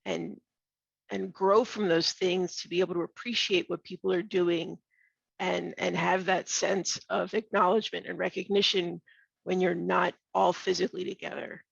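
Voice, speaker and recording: A middle-aged woman talks bluntly on a video call, her voice rough, gravelly and husky because she is losing it. She halts and restarts as she thinks. The sound is dry and a little muffled. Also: on the low side, flat delivery, dry recording. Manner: blunt, candid, halting with restarts. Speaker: webinar participant. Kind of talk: casual discussion on a video call.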